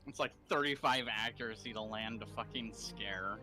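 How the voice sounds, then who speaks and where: A man's voice: on the low side, normal speed, pushed and bright, soft background music. Young man explaining game rules, swearing. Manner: explains mechanics, swears freely. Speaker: co-op gamer. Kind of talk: casual gaming chat.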